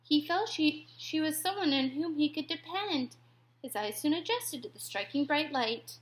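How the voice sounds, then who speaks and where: A woman reading a rhyming children's story aloud, expressive and dropping to whispers at tense moments. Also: high-pitched, normal speed, a little hiss or hum. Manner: expressive, drops to whispers for suspense.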